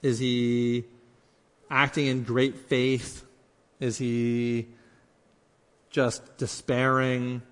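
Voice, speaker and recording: In a large hall, a man preaches a sermon earnestly in a medium-pitched, level voice, very slowly and with frequent pauses. He acts out the lines he quotes and often restarts his words.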